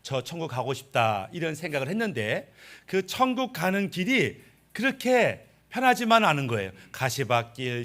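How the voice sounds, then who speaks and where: A male pastor delivers a sermon, weaving stories into emphatic points. His voice is bright and somewhat high, climbing in force as he drives his message home. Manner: storytelling, rising to emphatic.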